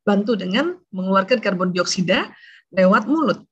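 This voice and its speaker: A woman giving a religious seminar talk on family and emotions, explaining in a conversational way and often tagging her phrases with a soft "ya". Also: medium pitch, lively intonation, moderate pace, husky, no echo, lo-fi sound. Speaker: Islamic lecturer on family and emotions.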